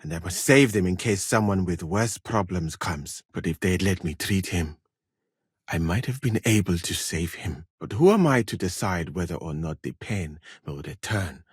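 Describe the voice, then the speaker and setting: An actor playing a learned, proud Malian court physician in a medieval video game, speaking in a formal, courteous, dignified way. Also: male voice, deep voice, lively intonation, moderate pace, husky, no echo, studio quality. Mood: earnest, thoughtful. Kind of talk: video game character dialogue.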